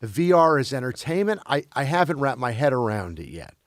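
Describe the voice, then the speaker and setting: A man raised in Belgium speaks as a guest in a relaxed conversation, often stopping to restart and repeat himself. His medium-pitched voice swings widely in pitch and moves a little fast. The studio-quality recording has no room sound.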